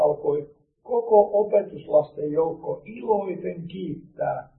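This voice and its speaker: Man, preacher, sermon, measured scripture reading, echoey church hall. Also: fairly high pitch. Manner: measured, reads scripture aloud with rising emphasis. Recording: distant, roomy, phone-like sound.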